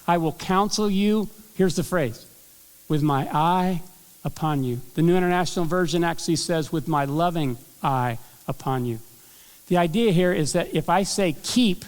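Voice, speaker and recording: A middle-aged male pastor preaching a sermon in an earnest, conversational way, clearing his throat now and then. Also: fairly high pitch. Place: church sanctuary. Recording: long hall reverb.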